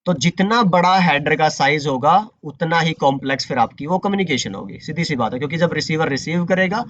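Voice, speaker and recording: A man's voice: fairly high pitch, fairly quick, a bit bright, highs cut off, slight background noise. A man teaching a networking course online, explaining in a conversational way and dropping English terms and fillers like "you know" as he goes. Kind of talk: online lecture.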